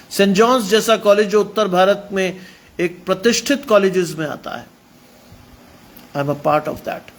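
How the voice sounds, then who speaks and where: High-voiced preacher, emphatic. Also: male voice, a bit bright. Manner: mixes English phrases into emphatic preaching. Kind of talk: sermon.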